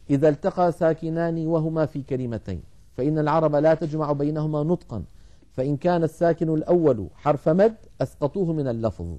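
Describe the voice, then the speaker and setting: A middle-aged man teaching a televised lesson on Arabic grammar and Quran recitation. He explains at a measured pace and slows down to chant the quoted verses. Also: fairly high pitch, warm tone.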